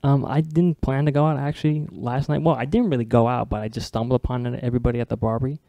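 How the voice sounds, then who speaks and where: Fast-talking gravelly young host. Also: male voice, mid-range voice, steady tone, mellow, dry recording. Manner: fast, chatty, loose with many likes and dudes. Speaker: podcast host. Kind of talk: casual podcast chat.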